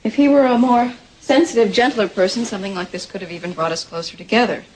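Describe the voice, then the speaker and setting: A woman's voice: mid-range voice, fast talker, a little mellow, slight background noise, natural voice, poor audio. An actress playing an anxious, proud young pregnant woman in a 1980s soap opera, talking hesitantly with stumbling restarts. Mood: anxious, defensive.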